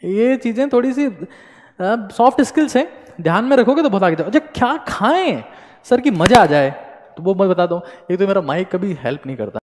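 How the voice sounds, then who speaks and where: A man's voice: high-pitched, lively intonation, normal speed. A young Indian man teaching exam students in a playful, joking way, slipping into comic voices and a Haryanvi tone, and he feels a bit unwell. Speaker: coaching teacher. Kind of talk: motivational talk to exam students. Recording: long hall reverb.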